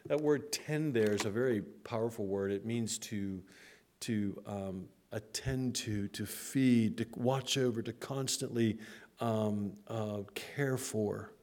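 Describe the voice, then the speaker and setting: A man's voice: fairly low pitch, slow pace, darkish tone. A man preaching a sermon. He checks in with the congregation, stretches key words for emphasis and drops his voice for the somber points.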